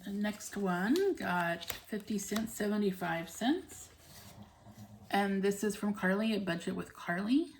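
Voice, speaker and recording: A woman casually narrating a hands-on task as a video host, unhurried and often counting to herself, in a noisy home recording. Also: mid-range voice, expressive. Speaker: budgeting channel host. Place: at home, indoors.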